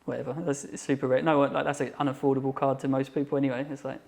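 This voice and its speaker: A man in his thirties rambles in a relaxed guest chat, speaking quickly on a narrow, level pitch with a creaky voice. He leans heavily on fillers and pushes fast from one thought to the next.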